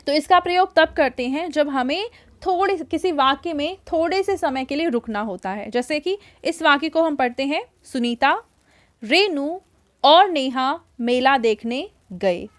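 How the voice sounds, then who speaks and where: A woman teacher patiently explaining a worksheet to children, repeating words slowly and checking that they follow. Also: high voice.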